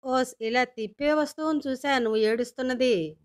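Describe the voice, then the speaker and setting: A woman's voice: sits high, moderate pace, natural voice. A woman voicing a curious young daughter who keeps pressing her father with wheedling questions in a storybook reading.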